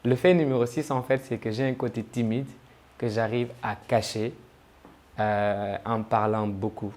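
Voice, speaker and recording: A man's voice: fairly low pitch, fairly even intonation, unhurried, darkish tone. A man from Senegal talking casually to camera about himself, chatty and joking at his own expense. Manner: chatty, joking, self-mocking. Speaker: travel vlogger.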